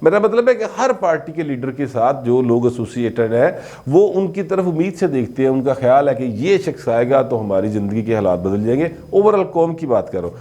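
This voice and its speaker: Informal and chatty, this political commentator mixes Urdu with Punjabi, speaking with a Pakistani Punjabi accent in a slightly high voice with a dark tone.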